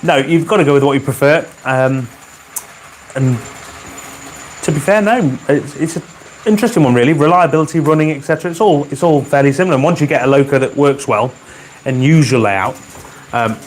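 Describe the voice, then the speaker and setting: Male livestream host, mid-pitched, chatty and dryly funny, frequent throat-clearing, faint room hiss. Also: brisk, low-quality recording. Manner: chatty, reads out viewer comments with dry humor. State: keeps clearing his throat. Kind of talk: casual live chat. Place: home garage with a model railway layout. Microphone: wearing a microphone.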